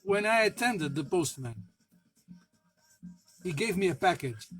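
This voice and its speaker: A man who is a spiritual worker, telling a personal story in a halting way, with many fillers and restarts, laughing at himself and swearing now and then. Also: high-pitched, lively intonation, fairly bright tone, breathy edge, faint music behind, poor audio. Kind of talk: casual spoken anecdote.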